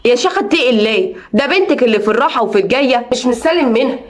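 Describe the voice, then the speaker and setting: A woman's voice: fairly high pitch, expressive, racing, close to an everyday voice. A woman voicing an upright young man who protests indignantly, in Egyptian Arabic.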